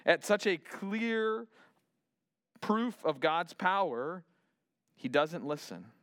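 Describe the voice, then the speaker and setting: Smooth-voiced man teaching a Bible story. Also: high-pitched, lively intonation, takes it slowly, fairly bright tone, no echo, clean studio sound. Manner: imaginative, thinking aloud, many restarts. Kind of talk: casual Bible lesson retelling.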